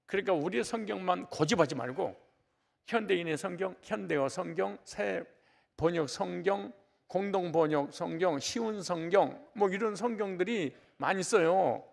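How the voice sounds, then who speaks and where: Gravelly-voiced male pastor preaching. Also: high-pitched, normal speed. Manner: conversational, joking asides to the congregation. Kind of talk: sermon.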